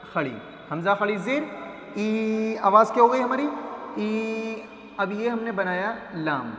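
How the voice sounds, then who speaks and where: A man's voice: high-pitched, a bit bright. A man teaching a patient reading lesson, stretching out letter sounds to demonstrate them and often checking that students follow. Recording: echoey room with long reverb.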